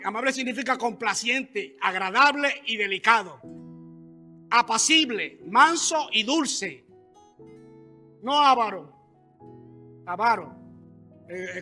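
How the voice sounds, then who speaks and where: A man's voice: sits high, moderate pace, bright, forceful tone, faint music behind. A man pastor preaching a sermon in a church, conversational, with asides and questions to the congregation.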